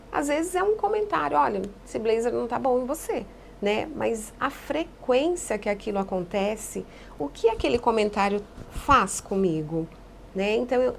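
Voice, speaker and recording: A woman psychologist giving calm, explanatory answers in a podcast interview, often echoing key phrases. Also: on the high side, vocal fry, slight background noise.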